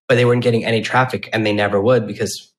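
Male interviewer, slightly deep voice, talkative podcast host style with anecdotal, conversational delivery. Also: level tone, fast talker.

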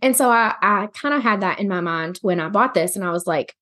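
A woman's voice: mid-range voice, animated, a little fast, sharp tone. A woman hosting a podcast, telling a personal story in a rambling, candid, conversational way. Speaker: podcast host. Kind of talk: casual personal storytelling monologue.

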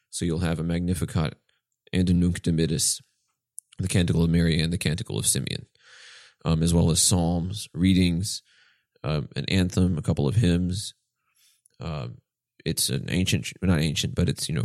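A man's voice: low voice, darkish tone, no echo, clean studio sound. A man in his twenties, co-hosting a casual podcast and earnestly telling his faith story with many restarts. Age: 20s. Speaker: podcast co-host. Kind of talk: casual chat about faith.

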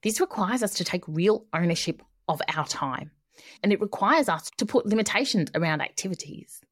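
A podcast host giving productivity coaching speaks in a somewhat low, expressive voice at a moderate pace. She delivers an upbeat, tidy monologue that is emphatic and instructive, stacking points with repeated phrases. The studio-quality audio carries no echo.

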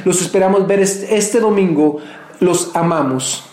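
A man's voice: high voice, a little slow, a little mellow, reverberant. A man, a pastor, giving an earnest, conversational church message.

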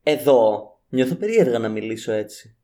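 A young man from Cyprus, co-hosting a casual chat in a relaxed, measured way. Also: mid-range voice.

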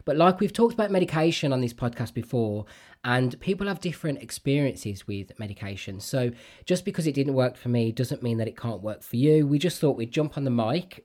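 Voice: mid-range voice, a little mellow. A podcast host in casual chat, earnest and repeating words while thinking aloud.

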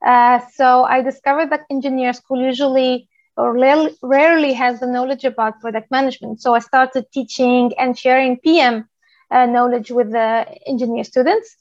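A woman from Tunisia, a product manager in her thirties, giving a talk in a steady explanatory way with many "uh" pauses. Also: high-pitched, no echo, lo-fi sound. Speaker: guest speaker, product manager. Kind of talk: presentation talk.

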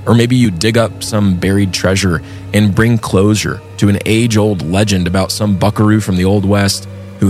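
A man's voice: on the low side, darkish tone. A man hosting a storytelling podcast, speaking scripted narration in a conversational yet theatrical, ornate way. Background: background music.

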